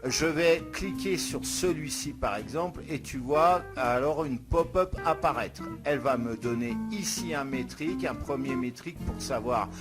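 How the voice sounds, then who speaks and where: A man hosting a step-by-step software tutorial, talking the viewer through each click in an informal, direct way. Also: medium pitch, normal speed, few pauses. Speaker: YouTube tutorial host. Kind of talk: screen-recorded software tutorial. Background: soft guitar music.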